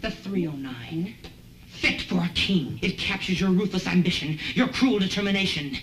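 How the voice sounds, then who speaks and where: A man's voice: sits high, lively intonation, moderate pace, fairly bright tone. An actor playing a young man who puts on a bossy British officer voice, clipped and commanding, in a 1960s TV comedy. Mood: salesy. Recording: roomy, distant 1960s TV audio with music.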